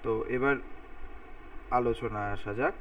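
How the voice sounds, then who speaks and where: A man's voice: medium pitch, steady tone, a little slow, a bit bright, smooth, dull audio. A man teaches a chemistry lesson, writing as he talks and saying word endings over so they stick. His voice sits in the middle of the usual range. He is a little way off from the mic. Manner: talks while writing on a board, thinking aloud, repeating sounds to drill pronunciation. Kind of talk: recorded lecture explaining formulas. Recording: voice a bit far from the mic.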